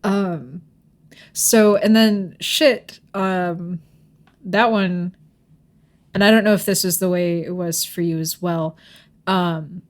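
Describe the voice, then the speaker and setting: A woman co-hosting a podcast in relaxed, easygoing chat. Her voice sits a little low and she often breaks into laughter. She fills her pauses with ums. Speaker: podcast co-host. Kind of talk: casual chat.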